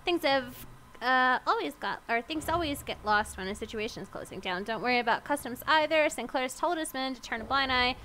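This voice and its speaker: A woman's voice: sits high, lively intonation, a little fast, background noise. A woman livestreaming a video game with playful, silly commentary full of babble and exclamations. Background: game music and sound effects.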